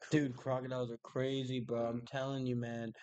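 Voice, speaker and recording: A man's voice: mid-range voice, flat delivery, normal speed, a little mellow, clear, resonant tone. Laid-back slangy man co-hosting a podcast. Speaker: podcast co-host. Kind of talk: casual chat.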